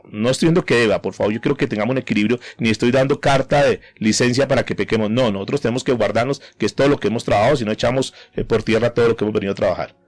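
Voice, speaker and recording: A male pastor delivering a sermon to a congregation in a church hall. He questions the listener directly and often repeats words as he gathers his thoughts. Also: mid-range voice. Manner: preaches with rhetorical questions to the listener.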